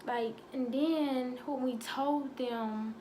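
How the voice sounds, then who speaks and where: Young woman, teary confessional vlog, flat tone, faint hiss behind. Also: sits high. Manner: halting, many fillers and restarts. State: holding back tears. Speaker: vlogger. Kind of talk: emotional personal story.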